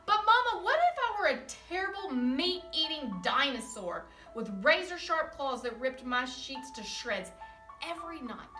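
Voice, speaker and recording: A woman voicing a pleading little child from a storybook, asking question after question in a high, eager, drawn-out voice. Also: sing-song, sharp tone, roomy sound, soft background music, heavily acted.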